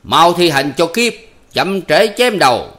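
A man's voice: mid-range voice, animated, moderate pace, fairly bright tone, voice pushed up, close to an everyday voice. A man voicing an old male theatre troupe manager who is jovial and commanding, with a theatrical, declaiming way of talking. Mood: stagey bellowing. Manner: theatrical, bellowing stage declamation.

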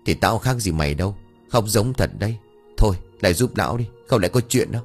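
A man's voice: fairly low pitch, animated, quick pace, faint music behind. A man voicing a dim-witted young village man answering his friend in an offhand way.

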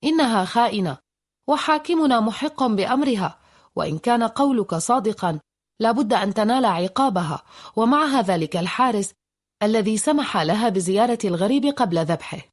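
A woman voicing an angry male laborer who accuses and shouts, in a storybook reading. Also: fairly high pitch, expressive, a little fast.

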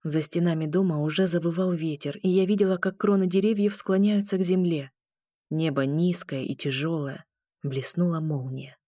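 A woman reading a novel aloud as a first-person narrator, in a measured storytelling manner. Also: lowish voice, steady tone, mellow, dry recording, studio quality. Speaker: audiobook narrator.

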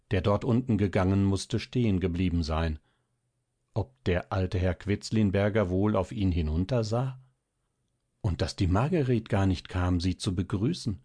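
A man calmly narrating a classic story as an audiobook reader. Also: low-pitched. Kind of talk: scripted narration.

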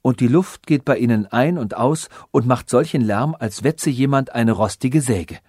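A man's voice: mid-range voice, normal speed, a little mellow, slightly rough, no room sound, studio quality, lightly acted. A man voicing an earnest disguised young prince. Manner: earnest, long-winded explanations. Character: young prince posing as a human.

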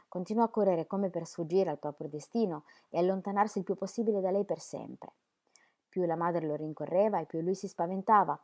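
A woman narrating an audiobook in a measured, expressive reading voice. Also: on the low side. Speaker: audiobook reader.

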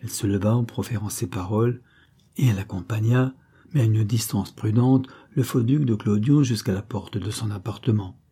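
A man narrating a classic adventure novel as an audiobook in a measured, dramatic way. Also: fairly low pitch, warm tone, slightly rough.

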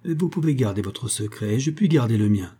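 A man's voice: medium pitch, animated, a little fast, warm tone, breathy edge. A man reading a brooding, menacing young man. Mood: curt. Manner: curt, threatening.

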